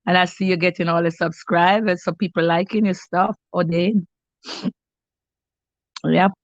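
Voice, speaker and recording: A middle-aged Jamaican woman hosts a cooking live stream for her channel, chatting casually and calling viewers by name. She sounds stuffy and congested and keeps restarting sentences, speaking a little slowly in a lowish, steady voice. The audio has no echo but the highs are cut off.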